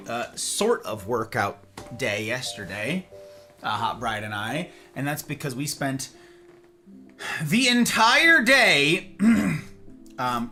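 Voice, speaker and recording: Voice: mid-range voice, fairly bright tone. A live streamer host chatting casually with viewers in a playful, rambling way, full of silly slang.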